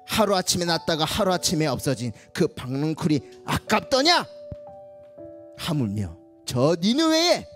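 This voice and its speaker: A woman voicing God in a children's Bible story, speaking solemnly and gently reproving. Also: fairly low pitch.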